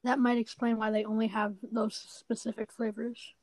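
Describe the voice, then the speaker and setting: A teenage girl hosting a casual chat, talking with frequent fillers and pauses. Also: fairly high pitch, flat delivery, a little mellow, no room sound, rough recording. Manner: chatty, hesitant with fillers. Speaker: podcast host.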